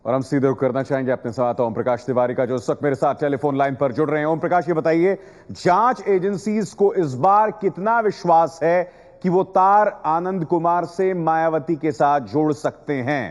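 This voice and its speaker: A male news anchor hands over to a reporter and asks a question in a brisk, formal way. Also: a little high, in a large hall.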